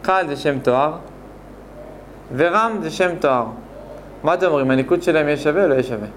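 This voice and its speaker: A man teaching a Hebrew grammar lesson, explaining slowly and repeating points while asking his students questions. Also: fairly high pitch, lively intonation, slight background noise. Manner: slow, repetitive explaining with questions to the class. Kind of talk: classroom lesson.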